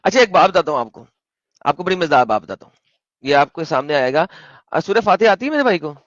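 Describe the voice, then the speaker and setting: A man hosting an argumentative online debate, pressing his opponent with questions and spelling his points out slowly over a call. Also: fairly high pitch, big pitch swings, fairly bright tone, dry recording, muffled recording.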